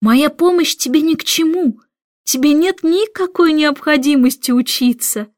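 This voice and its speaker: Brief: high-pitched, eager old professor, storybook, drawn-out questions, dry sound, read by a woman. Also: dry recording, lightly acted.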